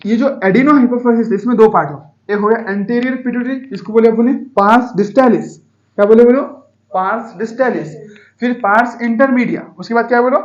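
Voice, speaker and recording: A man's voice: very high-pitched, a little fast, echoey room, dull audio. A male biology teacher giving a classroom lecture in Hindi, repeatedly asking students to call out the answers. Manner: quizzing students with repeated call-and-response questions.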